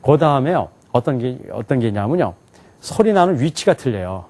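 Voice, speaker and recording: Animated man lecturing a class. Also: medium pitch, a little fast. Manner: animated, asks the class questions and laughs often. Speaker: English teacher at an alternative school. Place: classroom with students.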